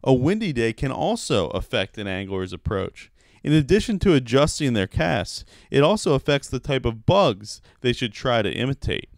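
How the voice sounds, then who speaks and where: A man's voice: medium pitch, very animated, normal speed, gravelly, no room sound. A young man reporting a news feature outdoors by a creek, speaking into a handheld mic. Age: young adult. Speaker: student reporter.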